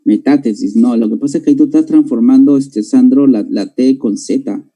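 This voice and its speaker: A mid-range, dark-toned male voice at normal speed comes through a low-quality recording. The speaker is a Peruvian-accented language teacher explaining a lesson to his class, adding "¿no?" tags and addressing students directly.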